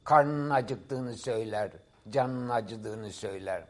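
A man's voice: on the low side, slow. A middle-aged man, a professor appearing as a guest, explaining ideas in a didactic, emphatic way during a talk-show discussion.

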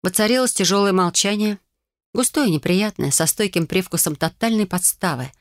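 A woman's voice: medium pitch, moderate pace, dry recording, studio quality. A woman narrating a first-person fantasy audiobook in a wry, sarcastic tone. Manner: wry, sarcastic inner monologue.

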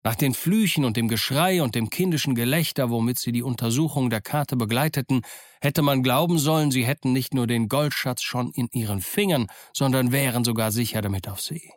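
A man reading a classic adventure novel aloud as a steady first-person narrator. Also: mid-range voice, brisk, no room sound, studio quality. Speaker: audiobook narrator. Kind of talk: scripted narration.

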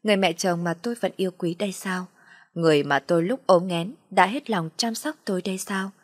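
Brief: woman narrator for an audio story, low-pitched, soft and sorrowful, dry close sound. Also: a little fast, dry recording.

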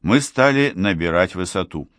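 A man narrating a first-person adventure novel in a measured storytelling manner. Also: sits low, lively intonation, fairly bright tone, no room sound, studio quality. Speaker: audiobook narrator.

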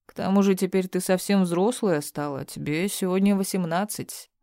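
A woman's voice: fairly low pitch, normal speed, dark tone, no room sound, clean studio sound, close to an everyday voice. A woman voicing a stern, protective grown man who speaks firmly and curtly, in an audiobook reading. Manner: firm, curt.

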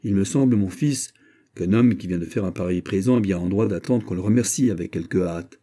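A man's voice: low voice, a little fast, dark tone. A man voicing an eager, pushy queen mother who talks insistently.

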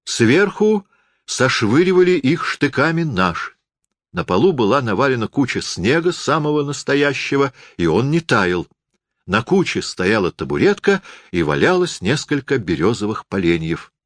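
Expressive male storybook reader. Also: mid-range voice, normal speed, dry recording, studio quality. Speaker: narrator. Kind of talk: storybook reading.

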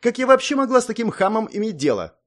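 A man voicing an emotional young female attendant in an audiobook, in a pitched-up, shrill voice. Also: brisk, natural voice. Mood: indignant. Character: distraught young woman attendant, emotional and proud.

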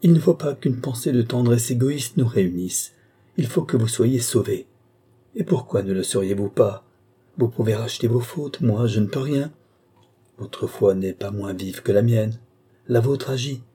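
A man's voice: mid-range voice, moderate pace, mellow, slightly rough, lightly acted. A man voicing a scheming, pious noblewoman who pleads emotionally, as in a read-aloud storybook. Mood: pleading.

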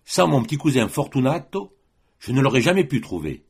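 A man voicing a boastful gendarme sergeant who greets people loudly and with too much friendliness. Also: medium pitch, sing-song, a little fast, creaky, slightly rough, pitched above the performer's own voice, exaggerated voice. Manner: hearty, loud, overly friendly.

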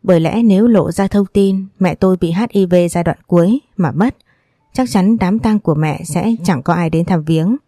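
A woman narrating a first-person audiobook story in a steady, sorrowful reading voice. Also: on the low side, normal speed, no echo, studio quality.

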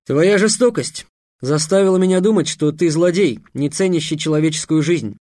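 A man's voice: fairly high pitch, moderate pace, a little mellow, no room sound, studio quality, close to an everyday voice. A man reading as a mocking young mage. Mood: reproachful. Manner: scornful, lecturing. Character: young sarcastic male mage, bold and mocking.

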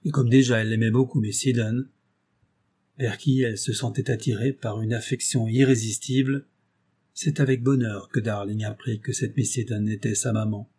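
A male audiobook narrator with a dark, mellow voice. He reads in a measured, expressive way, and his tone has a husky edge. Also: mid-range voice. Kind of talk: scripted narration.

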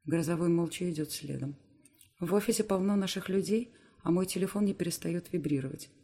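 A man's voice: high-pitched, brisk, dark tone. A man reading scripted first-person narration for an audiobook. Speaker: audiobook reader.

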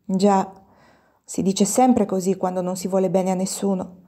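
A woman reading an audiobook and voicing a lovesick, melancholy young schoolgirl in a soft, breathy voice. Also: medium pitch, flat delivery, moderate pace, natural voice. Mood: sad, lovesick. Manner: sad and dreamy.

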